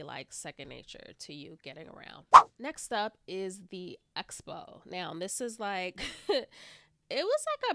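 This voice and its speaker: Talking alone on her podcast, a woman chats and rambles, leaning heavily on "like" and "you know." She sounds a bit congested, with a clear, resonant mid-range voice recorded dry.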